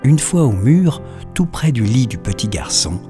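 A man narrating a children's story in an expressive, storytelling manner. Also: medium pitch, a little slow, faint music behind.

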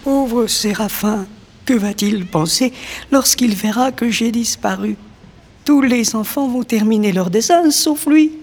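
A performer voicing a sad little paper drawing of a man in a storybook, speaking slowly and plaintively. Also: mid-range voice, big-room sound. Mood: sorrowful. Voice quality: slow, soft and plaintive. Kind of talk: storybook character acting.

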